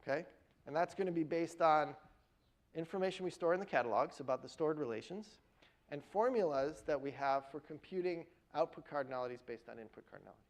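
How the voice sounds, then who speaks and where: A man's voice: a little high, lively intonation, fast, poor audio. Man lecturing a class, checking in often. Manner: explains step by step, often checks in with "right?" and "okay?". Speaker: university lecturer. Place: lecture hall.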